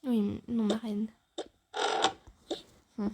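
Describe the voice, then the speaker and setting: A woman's voice: a little high, little pitch movement, very slow, very noisy. A woman voicing several family characters in a home-made fan drama, shifting her voice between the parts as they banter.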